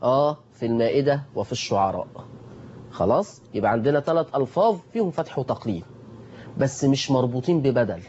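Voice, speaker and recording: A man with an Egyptian Arabic accent leads a Quran recitation lesson. He keeps asking his class questions and answering them himself, and he repeats each rule. His voice is mellow and dark, and the recording is dull with a faint hiss. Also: mid-range voice, animated, fast talker. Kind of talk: tajweed lesson.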